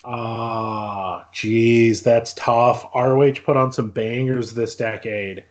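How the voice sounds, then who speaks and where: A man co-hosting a podcast, talking in a measured, earnest way in casual chat. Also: medium pitch, steady tone. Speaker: podcast co-host. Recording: dull lo-fi audio.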